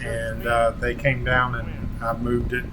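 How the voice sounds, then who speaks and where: A man, casually telling the story of a docking dispute on his boating vlog, getting animated as he retells arguments. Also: mid-range voice, slow pace, very noisy. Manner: animated, rises sharply when retelling arguments. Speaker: vlogger, boat owner. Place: on a boat at a dock, outdoors.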